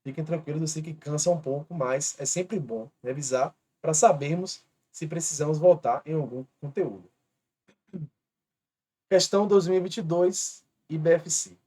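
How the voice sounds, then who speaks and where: A man's voice: fairly high pitch, normal speed, mellow. Patient Brazilian male grammar teacher. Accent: Brazilian Portuguese. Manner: patient, spells out rules step by step. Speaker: exam-prep teacher. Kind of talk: online grammar lesson.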